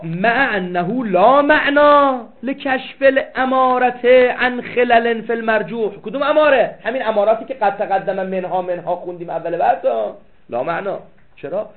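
A man teaching a seminary class, reading out Arabic text and explaining it with rhetorical questions, repeating key phrases for emphasis. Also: high voice. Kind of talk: classroom lecture. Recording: tinny lo-fi phone-like recording.

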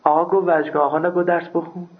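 On a tinny recording that sounds like a phone, a seminary instructor lectures on religious law, scolding and emphatic as he raises his voice at the students. His voice is on the high side and flat in delivery.

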